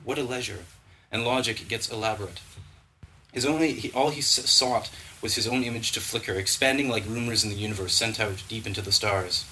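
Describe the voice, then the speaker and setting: A man reading a dense, lyrical poem aloud at a live reading, measured and deliberate. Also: fairly low pitch, sharp tone, a little hiss or hum, low-quality recording. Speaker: poet.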